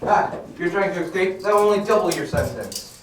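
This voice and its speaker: A pompous, declamatory detective played by an actor in a comedy drama, brisk and quick to accuse. The voice sits midrange and sounds distant in a roomy space with faint noise. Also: medium pitch, animated, lightly acted. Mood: stern, accusing. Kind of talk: theatrical comedy drama acting. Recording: echoey room, distant mic, faint noise.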